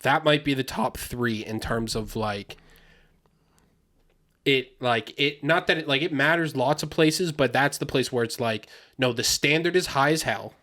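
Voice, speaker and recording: In a loose sports podcast chat, a man with a mid-range pitch talks a little slowly. He is animated and rambling, full of asides and swearing, and he keeps riffing and joking with his co-host.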